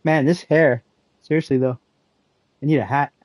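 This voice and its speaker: A man's voice: mid-range voice, fairly even intonation, moderate pace, a little mellow, dry recording, low-quality recording. A man chatting casually on a live game stream, rambling and joking at his own expense. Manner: rambling, joking and self-mocking.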